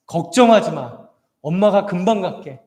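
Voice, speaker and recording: A man's voice: high voice, lively intonation, normal speed, a little mellow. A man voicing a worried, kind middle-aged mother who speaks in a reassuring, urgent way. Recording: long church hall reverb.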